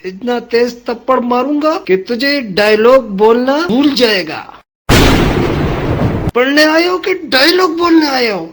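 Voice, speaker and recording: A woman's voice: high voice, lively intonation, measured pace, very noisy, pitched below the performer's own voice. A woman voicing a grumpy, bullying male tuition teacher who scolds and threatens his students in a cartoon. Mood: threatening. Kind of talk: cartoon voice acting.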